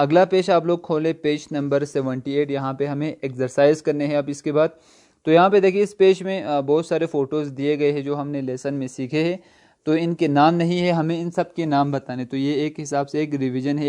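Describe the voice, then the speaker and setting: A male language teacher, a native Urdu speaker, slowly drilling vocabulary by asking and answering his own questions. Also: on the high side, fairly even intonation, a little mellow, clear, resonant tone. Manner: slow drilling, repeats words with question and answer. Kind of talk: recorded online language lesson.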